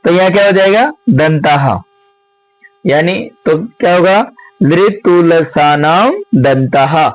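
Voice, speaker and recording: A man teaching Sanskrit grammar and working through exam questions, explaining slowly, repeating himself and asking his students many rhetorical questions. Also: fairly high pitch, no echo, poor audio. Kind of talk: exam question walkthrough lesson.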